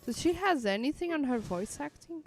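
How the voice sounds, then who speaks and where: An excitable woman commenting on her own let's play, blurting out reactions to the game scenes. Her voice sits slightly high. Quiet game music plays underneath. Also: normal speed. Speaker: gaming streamer.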